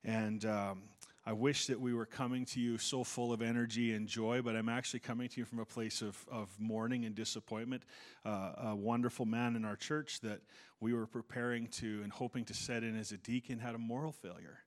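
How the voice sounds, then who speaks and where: Preaching in church, a middle-aged man of the cloth keeps things conversational, poking gentle fun at himself and frequently starting over. He speaks at medium pitch with a steady tone and fairly quick delivery.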